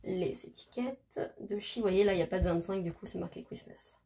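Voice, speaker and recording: A woman's voice: mid-range voice, a little fast, mellow, slightly rough. A woman vlogger chatting casually as she shows off craft paper, gushing and hesitating often. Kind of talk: casual show-and-tell chat.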